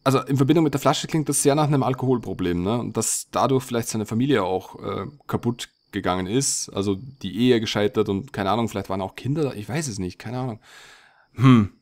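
A man's voice: lowish voice, a little mellow. A man hosting a let's play, musing and thinking aloud with many hesitations as he plays. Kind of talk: casual gameplay commentary.

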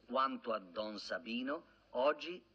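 A man's voice: mid-range voice, lively intonation, slow pace, sharp tone, slightly rough, muffled recording, heavily acted. An actor playing a dignified house butler who reports to his master in a formal, ceremonious way.

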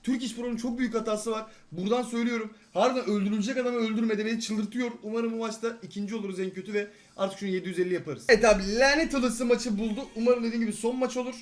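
A young man in his twenties giving live gameplay commentary, excitable and often exasperated at his teammates. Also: very high voice, rapid-fire, few pauses. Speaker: gaming YouTuber.

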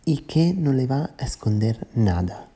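A woman's voice: very deep voice, big pitch swings, a little slow, dark tone, husky. A woman host narrating a chat animation story as a simple retelling. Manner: simple retelling with plain quoted lines. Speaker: channel host.

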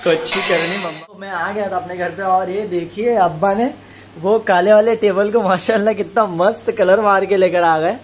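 A man's voice: high-pitched, fairly even intonation, normal speed, slight background noise. A man, talking loosely and casually as a vlogger into a handheld phone. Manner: chatty, loose and conversational. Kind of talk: casual vlog narration.

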